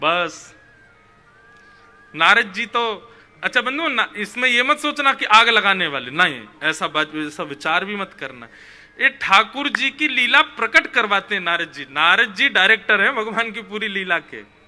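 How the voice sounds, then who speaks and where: A man telling a devotional story in a lively, animated way, putting on the voices of the figures in it. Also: high-pitched, measured pace. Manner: animated, voices the figures in his tale, chuckles.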